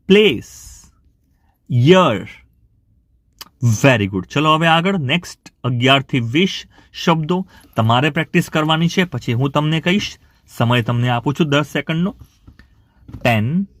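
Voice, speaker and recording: A man with a Gujarati accent teaches beginners, speaking very slowly and pausing between words. He repeats each English word loudly, two or three times, at a middling pitch. The sound is dry and close, with no echo. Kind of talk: beginner vocabulary lesson.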